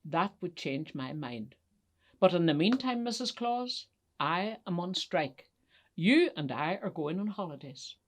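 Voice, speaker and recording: A woman voicing a fed-up but kindly old male Santa, speaking emphatically with drawn-out words in a children's story. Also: lowish voice, very animated, a little hiss or hum. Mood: fed up, resolute.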